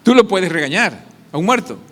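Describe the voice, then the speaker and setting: A man's voice: high voice, big pitch swings, normal speed, big-room sound. A male pastor preaching a sermon to a congregation, asking them questions and answering them himself.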